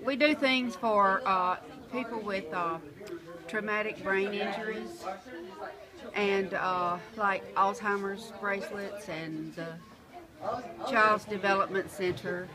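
A woman's voice: mid-range voice, slow pace. A woman in her sixties giving casual, somewhat hesitant interview answers. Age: 60s. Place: outdoors by a building entrance. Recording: outdoor crowd behind.

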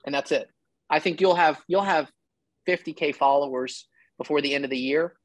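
In an indoor room on a one-on-one video call, a man in his thirties coaches with casual, emphatic, blunt advice. His voice is fairly high and his speed normal, with no echo.

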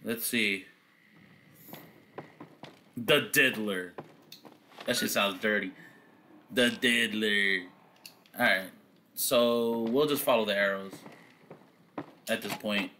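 A man gives casual, slangy game commentary in a bright, forward voice. He rambles and thinks aloud, with faint noise and clicks behind him. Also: fairly low pitch, slow, long pauses. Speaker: gamer, let's play host.

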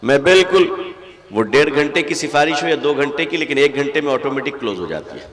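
A man, an Islamic cleric, giving an impassioned sermon at a religious school gathering, telling stories and swinging from soft talk to loud exhortation. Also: on the high side, expressive, big-room sound, crowd noise.

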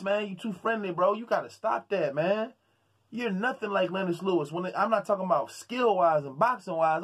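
A high-pitched, slightly rough male voice belongs to a vlogger from Houston, Texas. He rants about sports in a fired-up, slangy way, frequently stammering and repeating his words.

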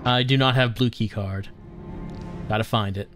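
A man with a fairly low voice and fairly even intonation speaks at a moderate pace over music. As a gaming channel host, he offers casual commentary, musing conversationally while he plays.

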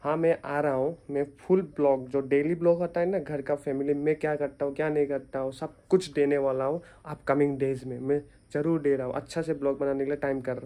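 हाथ में फ़ोन लिए बात करता युवा आदमी. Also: male voice, a little high, little pitch movement, brisk, hardly any pauses, warm tone. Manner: rambling, many fillers, tired. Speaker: vlogger and teacher. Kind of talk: casual vlog to camera. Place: small room indoors. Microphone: phone at arm's length.

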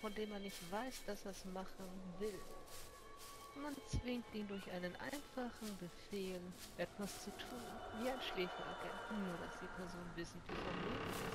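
A woman's voice: mid-range voice, moderate pace, loud music behind the voice, close to an everyday voice, poor audio. A woman playing a cold, arrogant doctor who commands prisoners, clipped and condescending, in improvised online role-play. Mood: cold, commanding. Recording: game audio with loud ambient noise.

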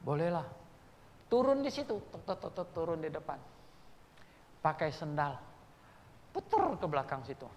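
A man, a pastor, telling a story in a sermon and acting out the dialogue with lively shifts. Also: on the high side, normal speed, pauses often, in a large hall, a little hiss or hum. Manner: animated storyteller acting out dialogue, shouting at peaks.

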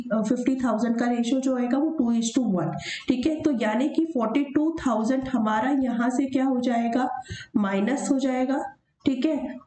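A woman teacher talking through a worked problem over handwritten notes. She asks questions and answers them herself, and slows down to read the question word by word. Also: fairly high pitch, mellow, roomy sound, low-quality recording. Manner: reads the question slowly, then explains step by step. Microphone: voice-over of screen notes.

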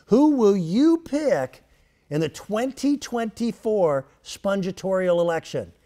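A man plays a mock-serious news debate moderator in a comedy sketch. His voice is fairly high and very animated, yet composed, with drawn-out words for solemn emphasis. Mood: wry, solemn. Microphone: lapel mic.

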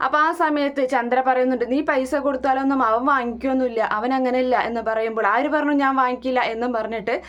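A woman's voice: fairly high pitch, muffled recording. A woman casually recapping a TV serial episode in a run-on retelling, quoting the characters' lines as she goes.

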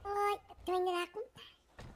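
A woman's voice: extremely high pitch, flat delivery, normal speed. A woman voicing a creepy, sweet little girl called a devil's doll, with a Brazilian accent and polite, childish manners. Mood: childish scheming. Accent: Brazilian Portuguese. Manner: polite, childish, sing-song greetings.

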